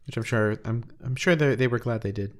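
A man's voice: mid-range voice, brisk. A man from the United States co-hosting a podcast, chatting casually and often restarting as he searches for words. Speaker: podcast co-host. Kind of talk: casual chat.

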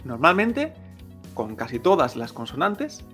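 A man teaching a pronunciation lesson, speaking slowly and patiently, repeating sounds and checking in with the listener often. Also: fairly high pitch, wildly swooping pitch, bright, forceful tone, faint music behind. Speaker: Chinese teacher.

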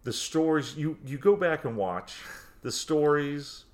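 A man's voice: on the high side, lively intonation, measured pace, darkish tone. A man in his forties co-hosting a podcast, chatting casually and nostalgically with frequent restarts. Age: 40s. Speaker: podcast co-host. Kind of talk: casual chat.

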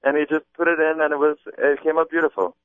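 A man's voice: a little high, flat delivery, quick pace, smooth, dry recording. A man being interviewed about his comedy album, talking casually with many restarts and repeated words. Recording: muffled phone-line sound.

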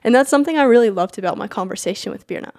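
Rapid-fire and animated, this podcast host's voice sits on the high side with a slightly mellow quality. She reads the show's announcements and intro, then moves into a casual, chatty interview with a guest, laughing and apologizing easily, all recorded dry in studio quality.

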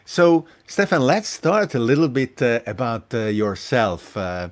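Guy hosting a live show, really slow, lots of uhs, middle pitch. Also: big pitch swings. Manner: slow and halting, many filler sounds. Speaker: host. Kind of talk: live show introduction and interview.

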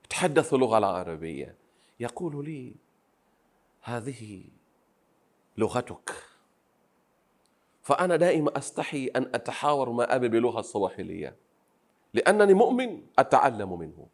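A man from Pemba, by birth, answers an interviewer's questions. He speaks earnestly and humbly in a soft voice and often restarts his phrases. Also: medium pitch, big pitch swings, fairly quick, long pauses. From Pemba, Zanzibar. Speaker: Arabic grammar teacher, interview guest. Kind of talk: interview conversation.

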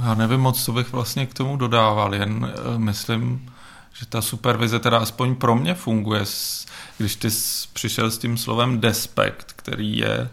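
Low, flat, hesitant male therapist. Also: vocal fry. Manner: hesitant, searching for words. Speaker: psychotherapist guest. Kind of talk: reflective podcast conversation.

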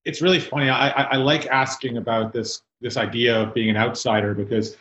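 A man from South Africa hosting an interview podcast, talking reflectively and haltingly, with repeated words. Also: mid-range voice, steady tone, a bit bright. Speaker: podcast host. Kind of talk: casual interview chat. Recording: roomy, dull sound.

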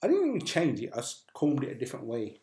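A man chats as a podcast host, wandering through his thoughts with plenty of uhs and restarts. His voice sits in a middling range. The room gives a clear echo. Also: medium pitch, huge pitch swings, fast, crowd noise. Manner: rambling, full of uh and restarts. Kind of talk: casual chat. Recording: echoey room.

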